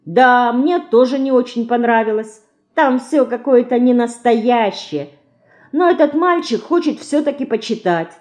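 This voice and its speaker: A woman reading an audiobook, voicing a lively, stubborn little girl who pleads and bosses. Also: fairly high pitch, a little slow, pitched above the performer's own voice. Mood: eager. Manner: eager, pleading, bossy.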